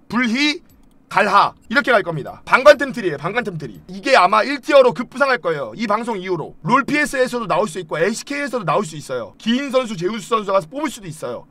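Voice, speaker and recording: A young man streaming a game from home, chatting casually and yelling and swearing at the game. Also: high-pitched. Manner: hot-tempered, yells and swears at the game.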